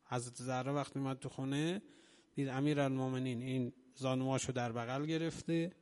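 A man preaching a religious sermon, telling sacred stories with passion and rising to loud, slow, emotional peaks. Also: medium pitch, fairly even intonation, in a large hall. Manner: impassioned, rising to loud emotional peaks, slowing on key phrases.

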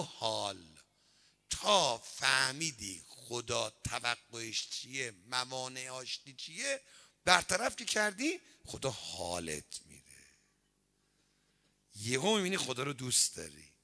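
A man preaching a sermon, telling stories and acting out the quoted dialogue in an animated way. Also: medium pitch, vocal fry. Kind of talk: sermon with storytelling.

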